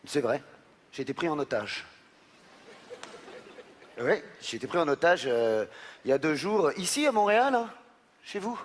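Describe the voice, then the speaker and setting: A man from France hosts a live comedy show, his voice sitting fairly high. He jokes in a playful, self-mocking way, full of little hesitations, and the sound rings through a large theatre with a faint hum behind. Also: lively intonation, moderate pace, pauses often, in a large hall. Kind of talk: stand-up comedy on stage. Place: large theatre stage with audience.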